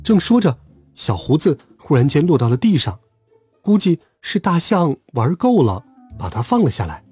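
Man reading a kids' story, husky, very animated, dry close sound. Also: fairly high pitch, moderate pace, dry recording, soft background music. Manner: lively, expressive storytelling. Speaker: children's storyteller. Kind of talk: reading a children's story aloud.

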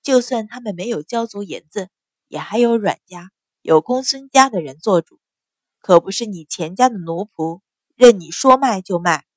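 A woman's voice: medium pitch, lively intonation, normal speed, no room sound, lightly acted. A woman voicing a composed young noblewoman who speaks coldly and with authority. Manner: cold, composed. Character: cool, commanding young noblewoman.

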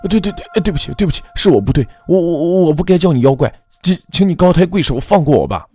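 A man's voice: on the high side, expressive, fast, dark tone, faint music behind, pitched above the performer's own voice, close to an everyday voice. A man voicing a terrified young man who stammers and pleads in panic. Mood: pleading.

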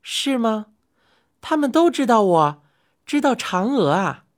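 Woman reader plays vain, hot-tempered young wife in a storybook: high, loud, shrill, scolding. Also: very animated, takes it slowly. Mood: delighted.

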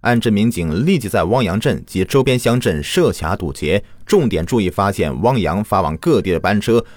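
A man's voice: lowish voice, animated, moderate pace, no room sound. A man narrating true crime from a script as a host, in a dramatic storytelling manner. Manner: dramatic storyteller with rhetorical questions.

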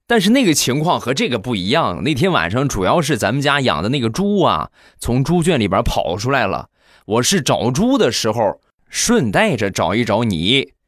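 A man's voice: medium pitch, big pitch swings, normal speed, fairly bright tone, pitched above the performer's own voice. A man voicing a blunt old village mother who scorns her grown son, speaking in an offhand, mocking tone. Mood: dismissive.

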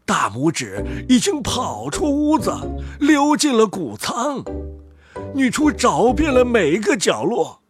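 Slow, lively storybook reader. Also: medium pitch, over music. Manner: slow, expressive, drawn-out phrases. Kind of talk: storybook reading.

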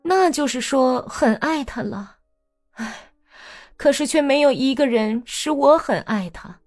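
A woman's voice: high-pitched, animated, darkish tone, soft background music, pitched above the performer's own voice. A woman voicing a bold, mocking young peasant woman who talks in a brash, teasing way in an audiobook. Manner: brash, teasing, quick-tongued.

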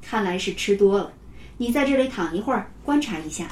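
A woman voicing a calm school doctor who asks puzzled questions in a children's story. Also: mid-range voice, a little fast, distant mic, a little hiss or hum, pitched below the performer's own voice, close to an everyday voice. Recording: roomy, from off the mic.

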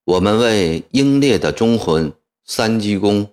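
A man reading an audiobook voices a stern middle-aged male commander who gives a loud, formal speech to massed soldiers. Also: on the low side, expressive, a little slow. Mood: solemn. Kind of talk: audiobook character voicing.

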